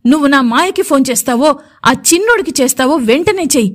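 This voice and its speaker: A woman's voice: high-pitched, animated, brisk. A woman voicing a stubborn, agitated young woman who taunts and complains in a raised voice. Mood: resentful.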